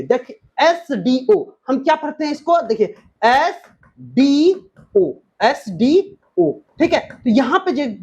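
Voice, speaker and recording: A man with a very high, slightly mellow voice, recorded with dull audio, teaches an exam-prep grammar lesson. He poses questions and answers them himself, repeats the key points, and spells words out letter by letter.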